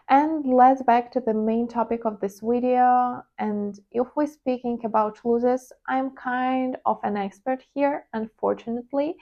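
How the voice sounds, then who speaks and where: A native Ukrainian speaker with a Ukrainian accent, a trading vlogger, delivers a personal, reflective monologue to her channel's viewers. She speaks candidly and confessionally with the odd hesitant "uh," her voice a little high and dark in tone on a lo-fi recording.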